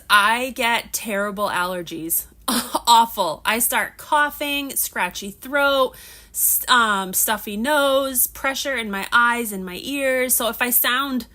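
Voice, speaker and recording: A livestream host in her thirties chats casually while prepping crafts, her voice fairly high and sharp. Allergies make her a little nasal, and she rambles, restarting often.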